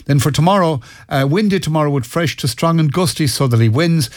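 A man's voice: a little high, lively intonation, a little fast, darkish tone, dry recording, clean studio sound. An Irish man presenting on radio, reading weather and programme links with a somewhat hesitant delivery. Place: radio studio.

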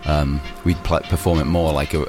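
A young musician, appearing as a guest, answers interview questions casually in a rumbling low voice. His delivery is flat and at normal speed, rambling with plenty of restarts and fillers, and music plays underneath.

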